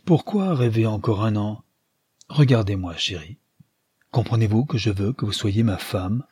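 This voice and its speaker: A man voicing an eager, pressing young upper-class gentleman in an audiobook, with a husky voice. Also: fairly low pitch, expressive, moderate pace, no echo, clean studio sound. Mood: ardent. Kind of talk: audiobook character reading.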